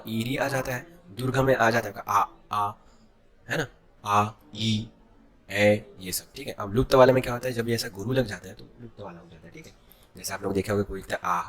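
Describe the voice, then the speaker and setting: A male teacher giving an exam-prep lesson. He asks questions and answers them himself, checking in with the class after nearly every point. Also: medium pitch. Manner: drills with self-answered questions and constant "okay?" checks.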